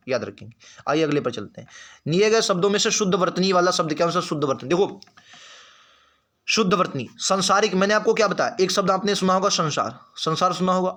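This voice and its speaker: A man teaching an exam spelling lesson, who goes through each question, repeats words slowly and keeps checking with the class. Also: fairly high pitch, fairly bright tone. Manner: repeats words slowly and drills answers with "ठीक है"; addresses students as friends, occasionally apologizes.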